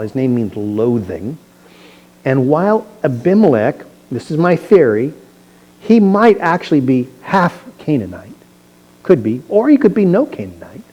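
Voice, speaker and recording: A male pastor teaching verse by verse through a Bible passage in a church, reading the text and then adding relaxed, conversational explanations. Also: mid-range voice, poor audio. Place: church sanctuary.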